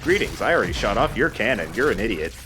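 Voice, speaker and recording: A fairly low-pitched man talks fast in a sing-song way while hosting a let's play, tossing out sweary jokes as he plays. Video game music runs behind his voice.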